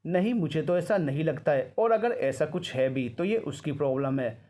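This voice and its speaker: A two-faced young fiancé, soothing and placating, in a slightly raised, brighter tone, as a male storyteller plays him. He reassures his partner in a storybook reading. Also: on the high side, moderate pace, close to an everyday voice.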